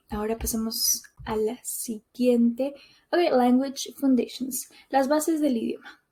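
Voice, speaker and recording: Slow, soft-voiced woman language teacher. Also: fairly high pitch, vocal fry, husky. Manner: repeats each point in Spanish and English. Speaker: Spanish teacher. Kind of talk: bilingual language lesson.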